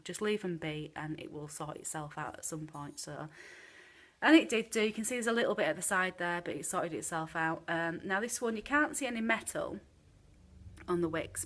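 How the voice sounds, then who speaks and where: In a room at home with candles lit, a woman with a British accent reviews candles casually and frankly, saying "um" a lot. She has a cold that makes her a bit chesty, and her voice is on the low side and a bit bright.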